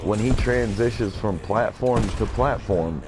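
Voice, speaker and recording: A man's voice: fairly low pitch, measured pace, music in the background. A man in his thirties streaming a game live, chatting and rambling to his viewers as he plays. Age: 30s. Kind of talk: casual live gameplay commentary.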